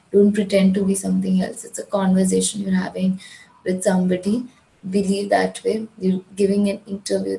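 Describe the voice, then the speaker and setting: An IELTS tutor, a woman from India with a Gujarati English accent, teaches a speaking lesson firmly and directly, repeating key points. Her mid-range voice is gravelly and mellow. The recording is rough and reverberant.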